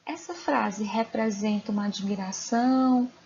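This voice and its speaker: A woman teacher giving a recorded lesson to young pupils, speaking slowly and clearly and asking them questions. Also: medium pitch, fairly even intonation, dark tone. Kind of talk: recorded online class lesson. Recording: dull lo-fi recording, faint noise.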